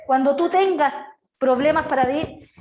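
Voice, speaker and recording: A woman's voice: high voice, moderate pace, lo-fi sound. A middle-aged woman with a Chilean accent teaching an online class in a chatty way, often checking in with her students. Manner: lively, chatty, asks "¿ya?" and "¿cierto?" often. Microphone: video call.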